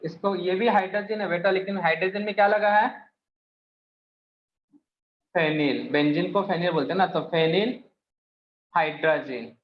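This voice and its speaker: A man teaching a chemistry class, firing questions at students and addressing them as beta. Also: high-pitched. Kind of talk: classroom lecture. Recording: echoey room, muffled, faint hiss.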